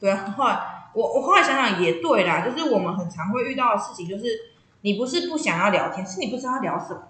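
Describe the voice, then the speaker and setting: A woman, chatting casually and telling stories, animated, laughing often and acting out the voices of people she quotes. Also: medium pitch, fast, reverberant, low-quality recording. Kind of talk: casual chat, storytelling.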